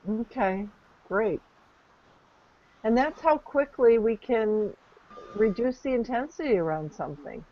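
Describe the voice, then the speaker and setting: A woman calmly guiding a session, gentle and affirming, talking soothingly about calm and connection. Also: on the high side, a little slow, pauses often, a little hiss or hum. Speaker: session facilitator. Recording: dull lo-fi recording.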